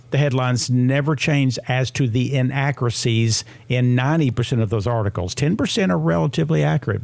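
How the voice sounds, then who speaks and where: Male health-radio host, sixties, creaky gravelly voice, casual talk, close dry sound. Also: mid-range voice, darkish tone, dry recording.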